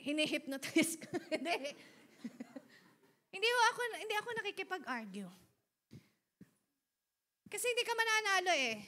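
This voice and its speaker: A middle-aged woman pastor delivering an animated sermon, her voice very high and bright. She shifts between loud exhortation and quiet asides, laughing often and prompting the congregation to answer.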